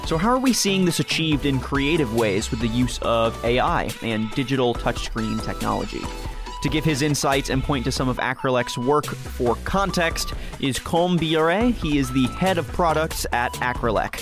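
A man's voice: mid-range voice, lively intonation, moderate pace, over music. A man with a nasal, congested voice from allergies, hosting and interviewing on a branded podcast with a polished presenter delivery. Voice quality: nasal, stuffy nose. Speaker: podcast host.

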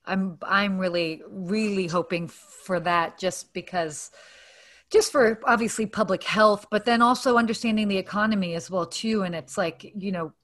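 A woman's voice: mid-range voice, normal speed, a bit bright. A young woman hosting a casual interview, talking in a friendly, conversational way with plenty of fillers. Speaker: interview host.

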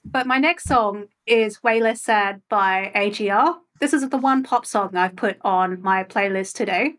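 A woman's voice: mid-range voice, unhurried, a bit bright. A woman speaking as a podcast guest, talking openly and thoughtfully with frequent ums. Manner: open, reflective, with frequent ums. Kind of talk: casual interview chat.

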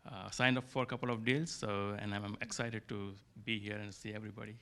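Polite man with a smooth voice. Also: on the low side, little pitch movement, quick pace, pushed and bright. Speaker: new investor club member. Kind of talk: self-introduction to a group.

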